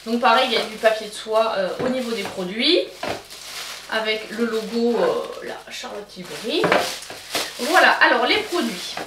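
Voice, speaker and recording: A woman's voice: fairly high pitch, expressive, normal speed. Woman, French accent, casual unboxing chat, lots of fillers, faint hiss behind. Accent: French, self-described accent. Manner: chatty, many fillers and restarts. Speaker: beauty vlogger. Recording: echoey room, from a distance.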